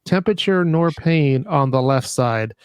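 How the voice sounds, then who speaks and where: A man hosts a casual interview over a video call, his voice smooth and resonant. He talks in a rambling, hesitant way with plenty of pauses, and the recording is dry and close. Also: fairly high pitch, animated, no room sound. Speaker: podcast host.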